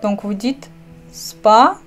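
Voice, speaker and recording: A woman from Russia with a Russian accent, a language teacher explaining words slowly with hesitations and repeated examples. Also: mid-range voice, expressive, a bit bright, faint music behind. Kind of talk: online language lesson.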